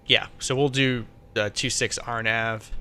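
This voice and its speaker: A man's voice: fairly even intonation, measured pace, sharp tone, clear, resonant tone. A man streaming as a virtual pilot, casually thinking aloud and muttering to himself as he works through steps. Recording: faint background noise and low rumble.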